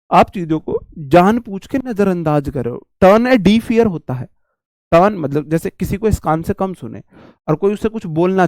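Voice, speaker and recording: A man from India runs a casual vocabulary lesson, talking chattily to his students and repeating key phrases. His voice sits a little high. The sound is dry and close. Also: a little mellow, no echo. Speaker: English teacher.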